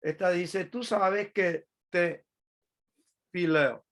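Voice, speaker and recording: A preacher giving a sermon, explaining a scripture passage in a deliberate teaching manner with repeated phrases. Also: medium pitch, a bit bright. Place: church.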